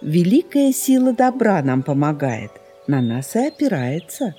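Earnest young fox cub chief, read by a woman; slow, lively melody. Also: low voice, faint music behind.

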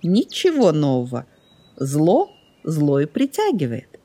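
Lady reading a wise old owl from a storybook, calm and slow, unbothered. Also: sits low, full character voice.

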